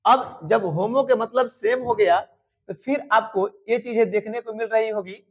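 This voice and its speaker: A man's voice: high-pitched, a little slow, husky. A man teaching an exam-prep grammar lesson, repeatedly asking his students questions and answering them himself. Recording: dull lo-fi sound.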